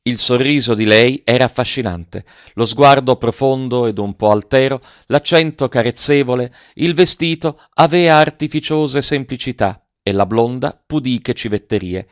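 A man narrating a classic novel in a measured, steady reading. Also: mid-range voice, no room sound. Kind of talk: scripted literary narration. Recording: dull, dry recording.

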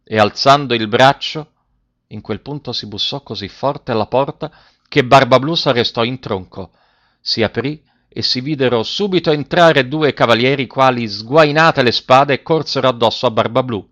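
A man reading a fairy tale aloud as narrator, with a measured, expressive delivery. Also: mid-range voice. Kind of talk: storybook reading. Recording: dry, slightly muffled recording.

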